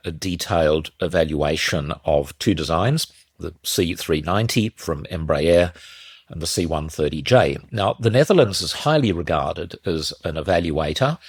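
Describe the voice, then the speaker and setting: A man, muffled and congested with a slight cold, giving measured, opinionated solo commentary as a podcast host. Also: deep voice, slightly rough, no room sound, clean studio sound.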